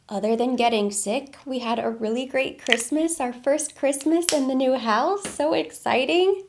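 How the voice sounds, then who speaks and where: A woman's voice: on the high side, darkish tone. Congested, chatty woman beauty vlogger. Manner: chatty and upbeat. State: congested from a head cold. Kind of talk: casual get-ready-with-me chat.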